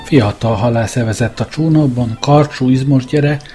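A man giving a measured, scripted first-person narration of a story as an audiobook reader. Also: mid-range voice, dark tone, soft background music.

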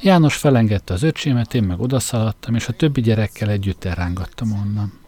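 Male audiobook narrator, wry first-person storytelling, low and warm. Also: breathy edge, soft background music.

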